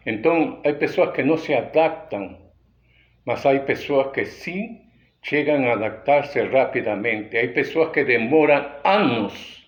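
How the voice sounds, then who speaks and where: A man from Peru, a pastor with a Peruvian Spanish accent and Spanish as his first language, giving a deliberate, unhurried sermon. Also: mid-range voice, highs cut off. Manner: unhurried, deliberate teaching delivery with frequent pauses.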